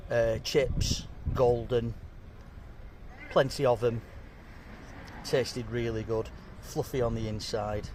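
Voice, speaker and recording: A man's voice: mid-range voice, little pitch movement, slow pace, long pauses, darkish tone, a little hiss or hum. A man reviews fish and chips to camera in a chatty, jokey way, chewing and talking between bites. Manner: chatty, jokey, talks while eating. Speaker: food vlogger. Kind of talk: casual food review to camera.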